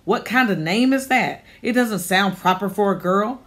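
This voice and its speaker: A woman reading an audiobook voices a disapproving, nosy woman of eighty-eight who speaks in slow, clipped, scolding words. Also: medium pitch, a bit bright, natural voice. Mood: stern, scolding.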